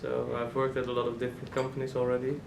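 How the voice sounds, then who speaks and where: A man's voice: medium pitch, monotone, racing. A man in his forties talking easygoing about his work years, with fillers. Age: 40s. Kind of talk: casual interview answers. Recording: echoey room with hum.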